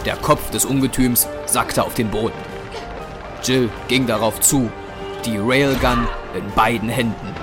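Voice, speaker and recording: A man narrates a horror action audio drama in a grave, scripted storytelling style, building a suspenseful mood over dramatic background music. His voice is natural and medium-pitched, with a steady tone and an unhurried pace.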